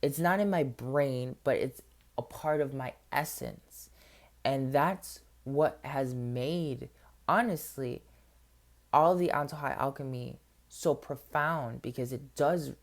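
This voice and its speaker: A man who works as a spiritual healer, giving a candid, heartfelt personal testimony and leaning on casual filler words. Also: medium pitch. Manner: candid and open.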